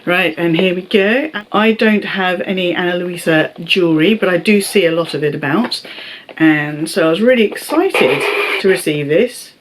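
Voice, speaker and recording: A woman's voice: on the low side, moderate pace, background noise. A young woman chatting in a bubbly, self-mocking way in an unboxing vlog. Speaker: beauty vlogger.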